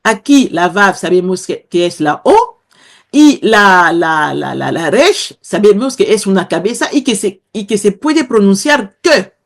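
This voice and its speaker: A woman guest professor explaining word origins in an interview, slow and hesitant, often searching for words. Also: mid-range voice, lively intonation. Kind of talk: explaining a language lesson.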